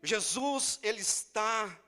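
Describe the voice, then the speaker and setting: A man's voice: high-pitched, lively intonation, slow, sharp tone. A man preaching a sermon in a church with a Brazilian Portuguese accent, telling stories and then preaching fervently with emphatic repetition.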